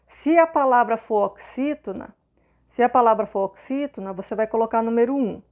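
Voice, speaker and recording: A woman with a Brazilian accent explains schoolwork in a patient, step-by-step way. Her voice sits a little high, and she keeps pausing to check that the class is following. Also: a little mellow. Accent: Brazilian Portuguese. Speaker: teacher.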